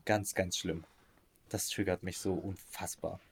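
A man's voice: low-pitched, steady tone, measured pace, creaky, slightly rough. A man co-hosting a podcast in casual chat, ranting emphatically in slangy words and often restarting his sentences. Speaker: podcast co-host.

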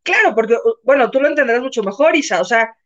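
A Mexican woman tells a story on a casual live show, bringing the people in it to life as she talks. Her voice sits high, and the recording sounds dull and lo-fi. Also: quick pace. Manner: animated, acts out voices in her anecdotes. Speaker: co-host. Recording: muffled lo-fi sound.

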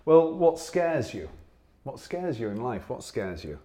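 A man's voice: mid-range voice, sing-song, measured pace, warm tone. A man hosting an interview, asking questions and backing the guest with frequent affirmations. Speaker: interviewer, co-founder of the show. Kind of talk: interview conversation.

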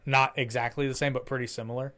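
A man's voice: mid-range voice, little pitch movement, fast talker, sharp tone. A man co-hosting a podcast, chatting casually and rambling into profane stories. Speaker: podcast co-host. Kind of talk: casual chat.

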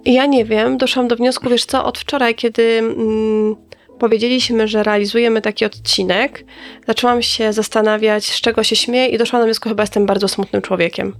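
A woman co-hosting a casual chat, thoughtful and thinking aloud with short pauses. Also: fairly high pitch, flat delivery. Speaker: podcast co-host.

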